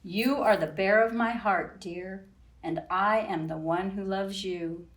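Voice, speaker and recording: A woman with a mid-range voice reads aloud at children's storytime, using sing-song rhymes and an expressive, unhurried style. Like a librarian host, she addresses her young listeners directly. The sound is roomy and echoey, her voice distant from the mic.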